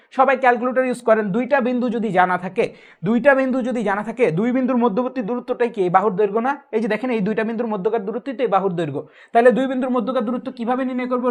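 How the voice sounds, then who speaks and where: A young man, teaching a live math class. He asks the students questions, answers them himself and repeats the steps. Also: extremely high pitch. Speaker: math tutor. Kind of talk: live online exam-prep math class.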